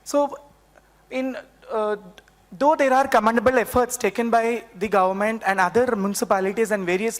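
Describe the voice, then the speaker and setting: A woman's voice: fairly high pitch, long reverb tail. A young woman with an Indian accent presents at a conference, her voice affected by a sore, swollen throat. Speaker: PhD researcher presenting a paper.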